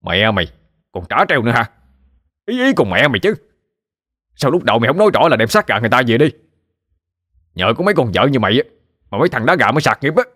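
A man voicing a hot-tempered, abusive husband, shouting and cursing. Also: mid-range voice, big pitch swings, moderate pace, pauses often, pitched above the performer's own voice. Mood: furious.

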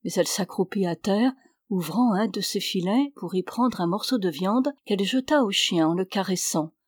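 A woman reading a novel aloud as an audiobook in a measured, even storytelling manner. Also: mid-range voice, dry recording, studio quality. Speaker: audiobook reader.

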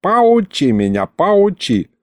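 A man voicing a gruff, bossy old grandfather who scolds in folksy speech. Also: high-pitched, big pitch swings, measured pace, dark tone, dry recording, clean studio sound, voice pushed up. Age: older.

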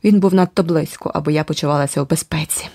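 A woman narrating an adventure audiobook in a steady, vivid storytelling manner. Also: low voice, quick pace, husky, no echo, studio quality. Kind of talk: scripted narration.

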